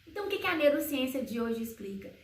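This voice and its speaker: A woman homeschooling educator explaining to parents, slowly posing questions and answering them herself. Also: big pitch swings. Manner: sings baby words in a high sing-song voice. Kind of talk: educational video talk to parents. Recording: roomy echo, slightly far from mic.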